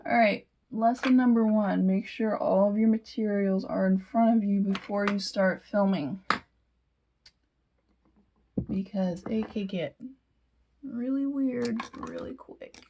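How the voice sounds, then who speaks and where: A woman's voice: medium pitch, slow, long pauses, noisy background. A young woman chatting casually through a makeup tutorial, with self-deprecating asides that sometimes drop to a whisper. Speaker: beauty vlogger.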